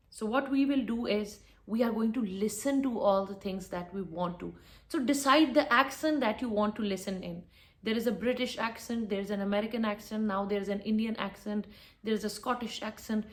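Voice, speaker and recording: A woman's voice: mid-range voice, normal speed. A woman giving a spoken English lesson, firm and instructive, repeating her key points. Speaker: English teacher.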